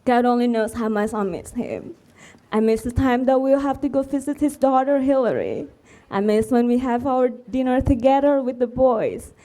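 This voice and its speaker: Her voice is a little high and warm, her speed normal. She's a widow speaking at a memorial service, earnest and tender, her heartfelt eulogy directed at a roomful of mourners.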